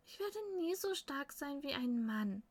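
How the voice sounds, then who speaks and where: A woman's voice: high-pitched, expressive, measured pace, voice pushed up. A woman voicing a fierce young Viking girl. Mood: bitter. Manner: frustrated, self-doubting.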